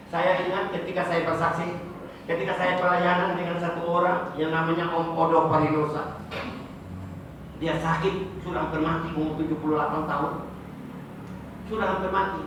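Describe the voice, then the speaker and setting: A man's voice: high voice, background noise. A man preaching a sermon with great passion, acting out tearful prayers to God. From Indonesia. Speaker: pastor. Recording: echoey hall, mic from far off.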